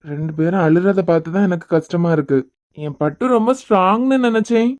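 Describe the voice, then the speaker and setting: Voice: medium pitch, brisk, darkish tone, dry recording, lightly acted. A performer voicing a young father in a cartoon, soothing and brushing off his injury, with a Kanyakumari Tamil accent. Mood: soothing, hurt. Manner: soothing, dismissive of his pain. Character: young father, gentle and stubborn. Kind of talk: cartoon voice acting.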